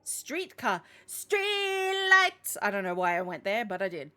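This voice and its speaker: Animated Australian woman streaming a game. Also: mid-range voice, measured pace, a little hiss or hum. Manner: animated, swears and laughs often. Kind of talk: live game commentary.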